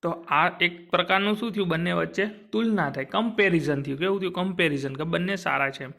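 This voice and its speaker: Brisk, gravelly, and sharp, a young man's high voice carries a grammar lesson aimed at exam students. Again and again he asks himself short questions, then supplies the answers, classroom-lecture style.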